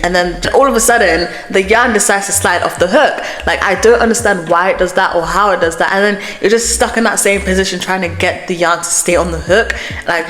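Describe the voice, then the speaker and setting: A woman's voice: fairly low pitch, a bit bright. A woman hosting a casual, chatty solo podcast, venting emphatically and informally, with an echo effect on her microphone. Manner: informal, emphatic venting about small annoyances. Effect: microphone echo setting, echoey reverb. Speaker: host of a crochet podcast vlog. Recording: echoey voice from microphone echo setting.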